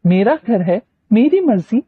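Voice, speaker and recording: A woman's voice: a little high, sing-song, a little slow, slightly rough, narrow, tinny audio, exaggerated voice. Woman voicing a touchy young woman. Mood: irritated. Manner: irritated, sharp-tongued.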